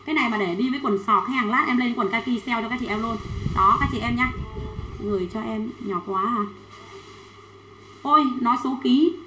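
A woman selling children's clothes on a livestream, chatting quickly and reading out sizes and buyers' names. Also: on the high side, sharp tone, reverberant, a little hiss or hum, low-quality recording. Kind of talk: fast livestream sales pitch.

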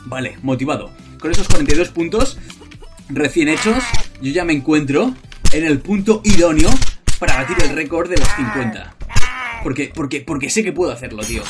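A young man from with a high, animated voice rattles off rapid, frantic gameplay commentary, repeating words in bursts and breaking into shouts. Music plays clearly behind him throughout.

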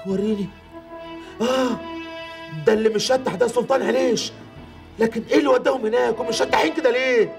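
A man's voice: very high-pitched, fairly even intonation, quick pace, vocal fry, pauses often, music in the background. An actor playing a bewildered man who spots a lost friend in a crystal ball, in a TV drama. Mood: astonished. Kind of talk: TV drama acting.

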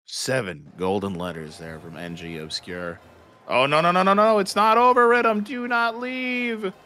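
A man's voice: low voice, very animated, normal speed, bright, forceful tone. A man calling live fighting game play-by-play in a playful, slangy, exclamatory way. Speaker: esports tournament commentator. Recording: music behind the voice.

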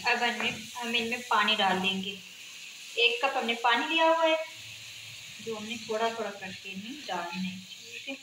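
In a fairly high, calm voice, this cooking-channel host explains a recipe one step at a time, stopping now and then to make sure viewers are keeping up. The recording comes from an echoey indoor home kitchen, with a frying pan sizzling in the background.

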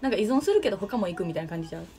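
A woman's voice: mid-range voice, expressive, racing, warm tone, faint music behind. A young woman with a Kansai Japanese accent hosting a casual livestream, chatting and answering viewer comments. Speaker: livestream host.

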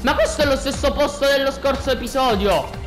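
A gaming host giving casual, joking commentary, excitable and repeating phrases. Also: high voice, fairly quick, music in the background.

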